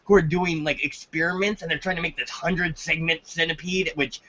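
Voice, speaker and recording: A man co-hosting a podcast, telling stories in a loose, profane, excitable way during casual chat. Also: fairly high pitch, moderate pace, a crowd in the background. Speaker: podcast co-host. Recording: dull lo-fi sound.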